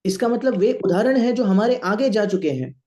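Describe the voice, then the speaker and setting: High, mellow male interpreter. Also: lively intonation, a little fast. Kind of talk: sermon interpretation.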